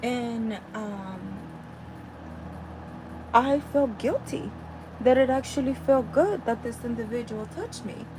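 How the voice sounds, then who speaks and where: A spiritual healer from El Salvador, a native Spanish speaker with a Salvadoran Spanish accent, teaches about spiritual healing and speaks straight to her listeners in an animated way. Her voice is on the high side, and she talks slowly with frequent pauses against a noisy background.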